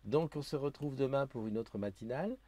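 A man with a mid-pitched voice hosts a casual live stream from a desk. He talks loosely and hesitantly, full of fillers and restarts, as he reads out viewer comments into a desk microphone. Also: dark tone, slightly rough, no echo. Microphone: new desk microphone being tested.

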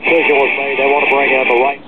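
A man's voice: medium pitch, completely flat delivery. A man calling a baseball game play by play, heard through a tinny pocket radio speaker. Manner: rapid play-by-play patter. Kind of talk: sports commentary. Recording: tinny AM radio with crowd noise.

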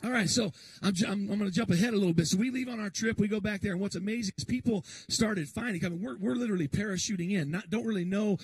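Middle-aged male pastor, storytelling sermon; high, husky voice, dry close sound, animated delivery. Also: fast talker, no room sound. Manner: animated, acts out quoted voices, frequent restarts.

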